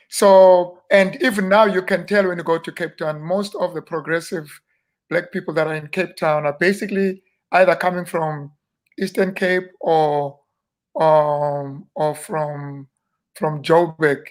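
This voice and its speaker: South African man reminiscing, fairly high voice. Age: 50s. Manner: relaxed storytelling with self-deprecating humor. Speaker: guest minister. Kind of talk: casual interview reminiscing.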